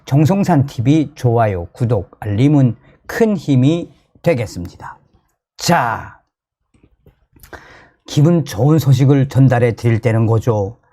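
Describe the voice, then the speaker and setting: A man from North Korea, speaking with a North Korean accent, hosts a commentary channel and delivers news commentary to viewers. His mid-range voice keeps a measured pace, yet he's emphatic and excitable, often repeating his phrases.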